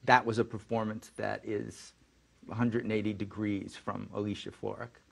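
A man's voice: on the low side, flat delivery, moderate pace, creaky, husky. A man hosting an interview show, asking questions in a playful, teasing way. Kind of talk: casual interview talk.

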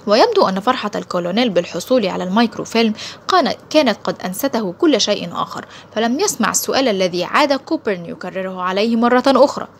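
A woman narrating an audiobook thriller in a brisk, dramatic storytelling manner. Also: medium pitch, expressive, slight background noise.

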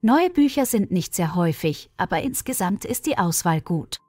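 A woman's voice: on the low side, animated, moderate pace, darkish tone, no room sound, soft background music. A woman voicing a kindly older village librarian nearing retirement, explaining patiently in a storybook reading.

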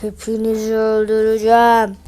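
A woman's voice: on the high side, completely flat delivery, normal speed, mellow, smooth, voice pushed down, lightly acted. A woman voicing a huge, hostile male ice golem who snarls threats and insults in a game video. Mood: menacing.

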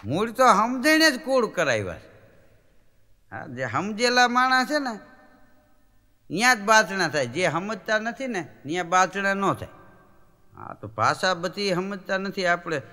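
A man's voice: high-pitched, a little slow, pauses often, big-room sound. A man telling comic folk stories on stage, acting out the characters' lines. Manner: animated, acts out characters' lines in changing voices. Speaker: stand-up comedian. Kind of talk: live Gujarati folk comedy storytelling.

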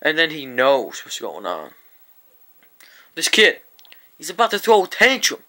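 Slow, animated male vlogger telling a story. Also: on the high side. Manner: rambling, profane storytelling with frequent laughter. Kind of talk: casual story-time vlog.

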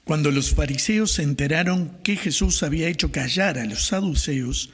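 A middle-aged man, a priest, reads the Gospel and preaches a homily in a calm, measured way from a lectern microphone in a small chapel. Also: on the high side. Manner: calm, measured liturgical delivery. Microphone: gooseneck microphone on the lectern. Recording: reverberant chapel sound.

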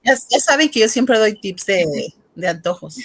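A friendly French teacher gives an online class over a video call, her husky, medium-pitched voice unhurried and lively in intonation. She coaxes her students warmly and switches between Spanish and French.

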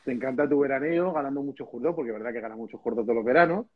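A percussionist from Madrid, Spain, co-hosts a casual live stream from a small room at home over a phone or laptop camera on a video call, teasing his friend in a mock-serious way while reading viewer comments aloud. His mid-range voice is very fast, and the lo-fi stream audio sounds slightly dull with a little hiss or hum.

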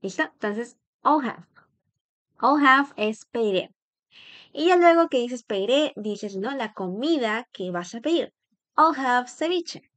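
A woman teaching English phrases in a bilingual lesson, repeating each phrase and warmly praising the learner. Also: fairly high pitch, animated, measured pace, no room sound.

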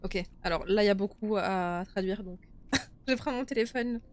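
A young woman giving casual, informal live commentary on a horror game, chatty and quick to swear. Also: medium pitch. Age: young adult. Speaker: game streamer. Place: small indoor streaming room. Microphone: close desktop streaming microphone.

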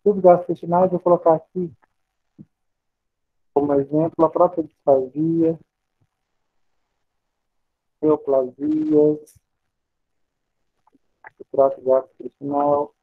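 A man's voice: on the high side, fairly even intonation, slow pace, long pauses, husky. A man with a Brazilian Portuguese accent, a pharmacy lecturer explaining slides and asking and answering his own questions. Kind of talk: recorded lecture over slides. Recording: tinny phone-like audio.

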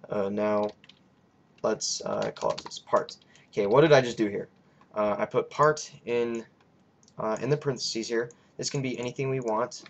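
A young man with a raspy voice hosting a casual coding tutorial, rambling and hesitant with many fillers. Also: mid-range voice, animated, moderate pace, dull audio. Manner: rambling, hesitant, lots of ums. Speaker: scripting tutorial host.

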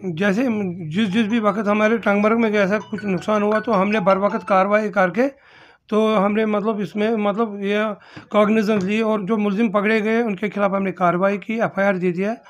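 A man's voice: high-pitched, level tone, moderate pace. A middle-aged man, a forest official, answering interview questions in his office into a handheld mic, hesitant and defensive with many fillers. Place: indoor office. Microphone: handheld mic held in front.

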